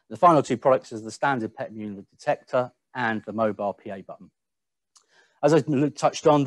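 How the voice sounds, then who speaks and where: A mid-range male voice, free of room sound, walks through a product presentation webinar-style, a bit haltingly and sometimes repeating a word.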